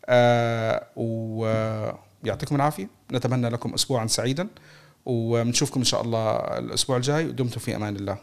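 Very fast-talking Levantine Arabic male podcast host. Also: mid-range voice, steady tone, creaky. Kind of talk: casual football podcast chat.

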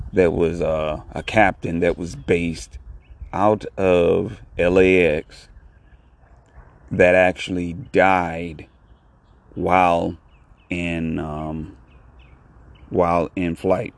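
Man, podcast host, casual solo talk, hushed low talking, flat intonation, gravelly fry, halting phrases. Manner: low, hushed talking so as not to disturb someone.

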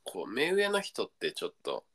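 A man with a Kansai accent and a very lively, swinging pitch. He leads a casual podcast chat, talking freely and doubling up words for emphasis. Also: normal speed. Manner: animated, chatty, repeats words for emphasis. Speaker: podcast co-host.

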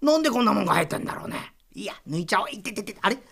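A woman voicing a stingy middle-aged Edo townsman who grumbles in rough street speech. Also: medium pitch, very animated, racing, a bit bright, full character voice. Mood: puzzled, aching.

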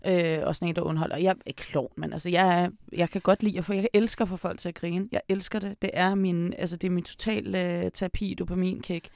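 Young woman host, gravelly, dry close sound, blunt sarcastic chatter. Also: on the low side, fairly even intonation, hardly any pauses, darkish tone, dry recording. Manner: frank, sarcastic, swears often. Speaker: podcast host. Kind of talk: casual chat.

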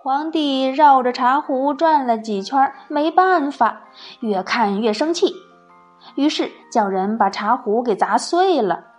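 A woman reads a children's story aloud slowly and expressively. Her voice sits a bit high. Faint glockenspiel music plays softly behind her. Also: lively intonation.

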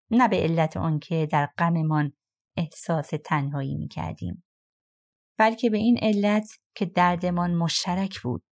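A woman narrating an audiobook in a calm, measured scripted reading. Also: deep voice.

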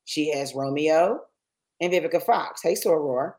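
A woman's voice: deep voice, darkish tone. A woman co-hosting a podcast in casual chat, teasing and asking pointed questions. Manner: teasing, questioning, quick laughs. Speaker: podcast co-host.

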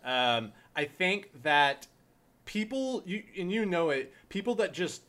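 A man's voice: high-pitched, very animated, slow, sharp tone. A young man, a former Navy corpsman, talking emphatically in casual podcast chat, swearing and restarting his sentences.

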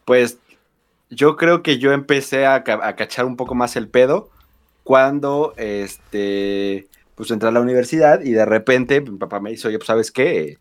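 A young man chats casually with friends, hesitant and full of fillers and slang. His voice is mid-range and his pace measured.

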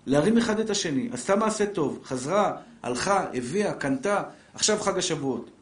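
A middle-aged man giving a live religious lesson, lively and joking, speaking straight to his listeners and acting out family scenes. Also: high voice. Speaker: Torah teacher. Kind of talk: live Torah lesson to an audience. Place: class room with a live audience. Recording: echoey room.

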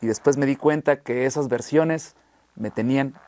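A man's voice: medium pitch, normal speed, dark tone, dry recording. Supportive male host, dry close sound. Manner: supportive, short affirmations. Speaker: interview host. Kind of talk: casual conversational interview.

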